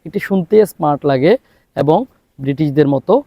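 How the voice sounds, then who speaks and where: A Bangladeshi man teaching a spoken English lesson, repeating each word slowly and clearly so listeners can copy it. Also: fairly high pitch, no room sound, muffled recording. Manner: drills words by repeating them slowly and clearly. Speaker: English teacher, academy founder.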